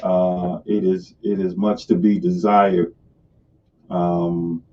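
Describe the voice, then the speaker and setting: Male stream host, chatty and self-correcting, low-pitched, echoing as if in a cave, recorded on a distant camera mic. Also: little pitch movement, slow, dark tone. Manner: chatty and loose, often restarting his sentences. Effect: hollow, cave-like echo. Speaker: host of a live money stream. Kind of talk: casual live-stream chat. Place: home sunroom office. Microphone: camera on top of the computer screen. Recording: distant, dull webcam-mic sound in a hollow room.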